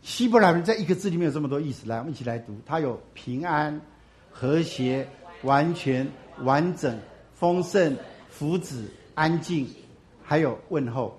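A pastor preaching to his congregation. He asks questions and answers them himself, swinging from loud emphatic bursts to low, soft asides. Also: expressive, moderate pace. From Taiwan. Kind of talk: sermon.

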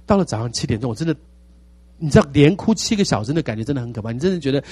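A man in his sixties with a Taiwanese Mandarin accent, a pastor telling his testimony in a sermon with animated storytelling and repeated phrases. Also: mid-range voice, racing, breathy edge, no room sound. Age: 60s.

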